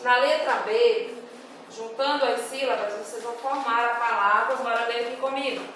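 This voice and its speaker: A woman, a primary school teacher going over homework answers with young children, patient and drawing her words out clearly. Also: fairly high pitch, fairly even intonation, a bit bright. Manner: slow, patient, reads words out syllable by syllable for young pupils. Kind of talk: recorded homework correction for children. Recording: very echoey room, voice far from the mic, faint noise.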